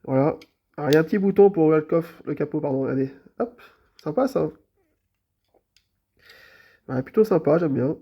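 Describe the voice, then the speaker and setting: A man's voice: fairly high pitch, animated, normal speed, long pauses, breathy edge, lo-fi sound. A man with a cold and a blocked nose, chatting casually and hesitantly as he shows his toy car collection in a vlog. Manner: easygoing, chatty, full of hesitations and repeated fillers. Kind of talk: casual show-and-tell vlog.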